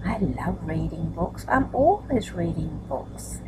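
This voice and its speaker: A grandmotherly older woman speaks to young children in a chatty, nurturing manner, asking tag questions before reading a story aloud. Her voice is fairly low, very animated, and slow, set against background noise.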